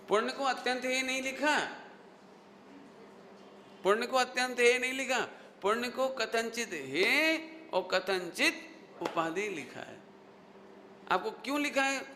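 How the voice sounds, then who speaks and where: A man's voice: very high-pitched, pushed and bright. A man giving a religious lecture who keeps quizzing his audience and drilling key phrases with repeated rhetorical questions. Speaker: Jain scholar giving a lecture. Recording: echoey hall with faint noise.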